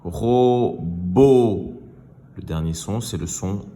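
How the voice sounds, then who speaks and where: A man teaching young children to read, speaking slowly and clearly, sounding out syllables and repeating each word with emphasis. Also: low voice, expressive. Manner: slow, deliberate, repeats words for children. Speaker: primary school teacher. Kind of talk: reading lesson for young children.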